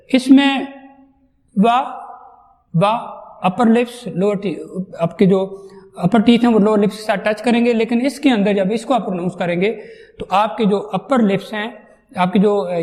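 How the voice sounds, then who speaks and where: A man teaching phonetics in a classroom lecture, patiently explaining and slowly sounding out each vowel and consonant. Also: high-pitched, a little mellow, big-room sound, rough recording.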